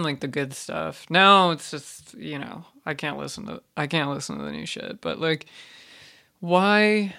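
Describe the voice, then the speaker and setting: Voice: mid-range voice, bright, forceful tone, clear, resonant tone. A speaker delivering a casual, exasperated, profane rant, full of fillers and restarts. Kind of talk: casual ranting monologue.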